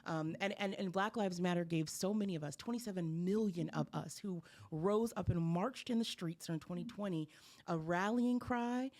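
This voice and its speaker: A woman being interviewed as an organization's chair, speaking in an earnest, measured way and making her points through analogies. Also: lowish voice, a little mellow. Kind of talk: casual interview conversation.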